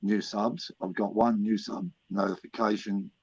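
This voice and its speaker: Man on a bad, quiet call line. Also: lowish voice, level tone, vocal fry, breathy edge, no echo. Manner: hesitant, halting talk with fillers. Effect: bad, quiet call connection that breaks up. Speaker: guest on a live stream call. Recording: dull, lo-fi remote call audio.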